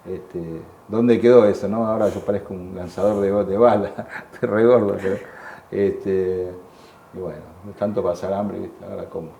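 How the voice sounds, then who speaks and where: An Argentine war veteran in his sixties gives emotional personal testimony in a museum room, his low, mellow voice echoing against a faint hum. He speaks with fairly even intonation and vocal fry, haltingly, repeating words and acting out the voices of people he quotes.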